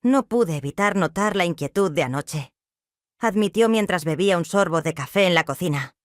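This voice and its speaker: A woman reading a dramatic first-person story in a steady scripted narration. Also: fairly low pitch, normal speed, no echo, studio quality.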